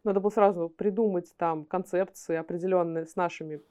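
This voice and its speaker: Speaking with a fairly low, steady, mellow voice at a slightly fast pace, a guest from an animation studio answers interview questions conversationally. She frequently reworks her sentences partway through.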